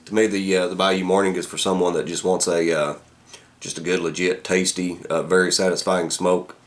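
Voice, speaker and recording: Casting: man with a very low-pitched voice, casual reviewer, thinks aloud in halting phrases. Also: flat delivery. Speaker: pipe tobacco reviewer.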